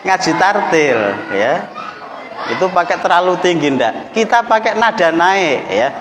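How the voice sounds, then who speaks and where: A man's voice: sits high, animated, a little slow. Javanese-accented man teaching in an echoey hall. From East Java, Indonesia. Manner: joking, breaks into melodic chanting to demonstrate. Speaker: Quran teacher trainer. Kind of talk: workshop lesson with chanted demonstrations. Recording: echoey hall with long reverb.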